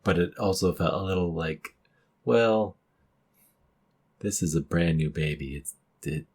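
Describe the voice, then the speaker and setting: Male podcast co-host, low husky voice, thoughtful analysis with loud emphatic bursts. Casual film discussion. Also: fairly even intonation, normal speed.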